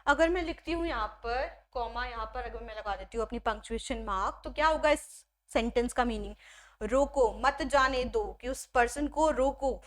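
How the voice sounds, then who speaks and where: Female tutor, young adult, high voice, explains patiently, poses and answers own questions. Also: fairly bright tone. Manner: explanatory, asks and answers own questions, mixes Hindi with English. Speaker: teacher. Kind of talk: classroom-style grammar lesson.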